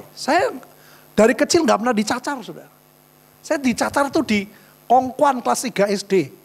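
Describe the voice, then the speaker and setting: A man's voice: very high voice, vocal fry. A man preaching a sermon as pastor, telling stories and acting out conversations. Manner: storytelling, often addressing listeners as saudara, acting out quoted dialogue. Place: church. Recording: faint mains hum.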